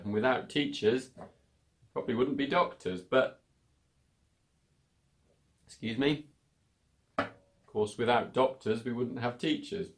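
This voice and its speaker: A male English teacher from the United Kingdom walks beginners through a grammar lesson. He talks at an unhurried, measured pace, repeating key words so learners can follow along. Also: medium pitch.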